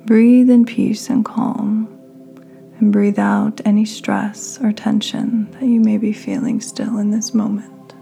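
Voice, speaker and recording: Slow, soft-spoken woman with a gravelly edge. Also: medium pitch, flat delivery, faint music behind. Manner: soft, half-whispered, slow and soothing. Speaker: podcast host. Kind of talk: guided meditation.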